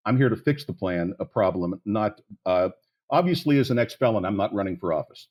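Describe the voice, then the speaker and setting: A man in his sixties from the Pittsburgh area, guesting on a podcast interview, talks bluntly and candidly, rambling with many restarts. His voice sits fairly low and is a little mellow, with lively intonation and a fairly quick pace.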